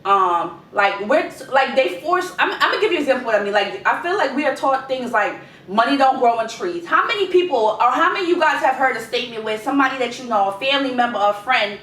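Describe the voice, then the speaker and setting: A woman's voice: animated, fast, a bit bright. A young adult woman with a Guyanese accent giving informal life advice in a conversational way, repeating key words for emphasis. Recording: echoey room, distant mic, rumbling noise.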